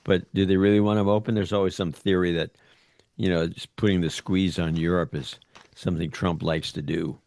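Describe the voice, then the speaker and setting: A man's voice: low-pitched, steady tone, brisk, a little mellow, no echo. A man co-hosting a casual talk show, chiming in with short, dry remarks. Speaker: co-host. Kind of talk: casual political commentary.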